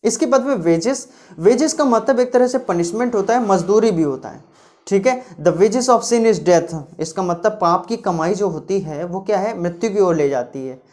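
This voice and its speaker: A woman teaching English grammar, explaining rules patiently and reading example sentences slowly and clearly. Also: mid-range voice, animated, a little mellow. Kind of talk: classroom grammar lecture.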